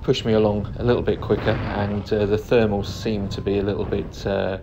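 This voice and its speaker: A man giving a calm, understated and hesitant casual commentary on his own flight video, pausing often. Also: lowish voice, dull audio. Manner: calm, understated, hesitant delivery with frequent pauses. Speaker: paraglider pilot narrating own flight video. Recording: clear steady background noise, vehicle-like ambience.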